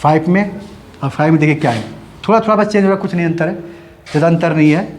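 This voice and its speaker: In a Hindi-medium English grammar lesson, a man with a rather high voice races along, with slight background noise behind him. He is repetitive, explaining each rule step by step and going back over key points as he writes.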